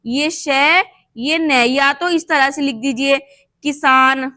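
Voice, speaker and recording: A woman's voice: high voice, slow, sharp tone, no echo. A woman teaching a shorthand class, patiently explaining each step as she writes and checking in with the class as she goes. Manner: patient, repeats steps with "thik hai" checks. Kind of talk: explaining while writing on a board.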